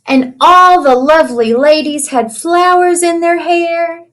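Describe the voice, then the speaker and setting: A female teacher reads aloud to children in a high register at a very measured pace. Her storytelling is animated, and she breaks off for chatty asides, asking the young listeners simple questions.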